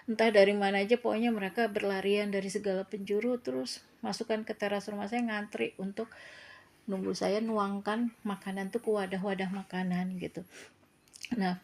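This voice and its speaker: A woman's voice: medium pitch, a little mellow. A woman telling a story in a casual, chatty way, full of filler tags, turning firm and lecturing at times. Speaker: cat feeder and shelter vlogger.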